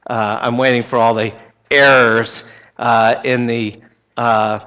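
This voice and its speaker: A man's voice: medium pitch, little pitch movement, takes it slowly, sharp tone, clean tone, lo-fi sound. A middle-aged man with an American accent preaching as a pastor in a conversational, plain-spoken way. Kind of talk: sermon with prayer and personal anecdotes.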